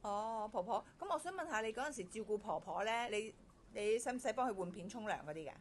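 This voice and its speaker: A woman interviewing a job candidate in a brisk conversational way, repeating and rephrasing her questions. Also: mid-range voice, animated, a little hiss or hum. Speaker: interviewer screening a domestic helper.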